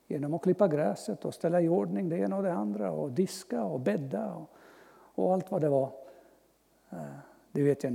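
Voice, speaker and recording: A man giving an earnest personal testimony as a preacher, speaking slowly with long pauses and sudden soft drops. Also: a little high, gravelly, slightly rough. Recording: long hall reverb.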